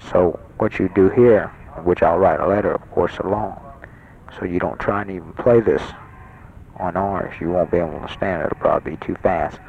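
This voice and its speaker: A man's voice: sits low, steady tone, fairly quick, a little hiss or hum. A young man in a hospital bed, keeping his voice down as he rambles through a taped letter home with many fillers. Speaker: patient sending an audio letter home. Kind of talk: personal taped audio letter. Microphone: portable tape recorder mic held close. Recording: dull lo-fi home tape recording. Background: other patients talking in the ward.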